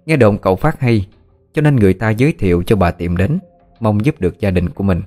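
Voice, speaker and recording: A man telling a ghost story in a calm, even narration. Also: on the low side, brisk, soft background music.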